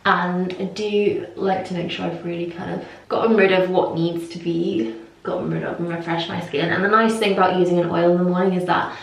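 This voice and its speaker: Walking viewers through her morning routine, this beauty vlogger speaks briskly in a low, gravelly voice with fairly even intonation. The small tiled bathroom gives an echo, and her casual chat to camera is sprinkled with self-deprecating remarks.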